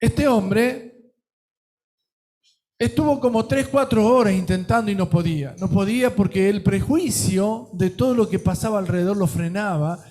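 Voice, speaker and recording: A man with a Rioplatense accent preaching a sermon, telling a story with acted quotes and swinging between loud and soft. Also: high voice, moderate pace, faint music behind. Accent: Rioplatense Spanish. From Argentina.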